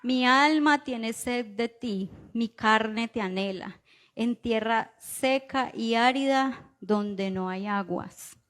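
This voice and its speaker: A woman with a Colombian accent preaching a sermon in a conversational way, often checking in with the listeners through quick rhetorical questions. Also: on the high side. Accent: Colombian Spanish. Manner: conversational preaching, frequent rhetorical "¿cierto?" tags.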